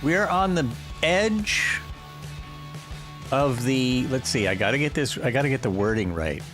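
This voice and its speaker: A man hosting a live stream, chatting casually with viewers while he flies, thinking aloud and breaking into excited yelps and cheers. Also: medium pitch, unhurried, music in the background.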